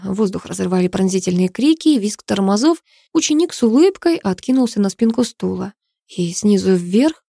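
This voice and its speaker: A woman narrating an audiobook thriller in a steady, dramatic storytelling manner. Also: mid-range voice, gravelly, slightly rough, no echo, clean studio sound. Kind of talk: scripted narration.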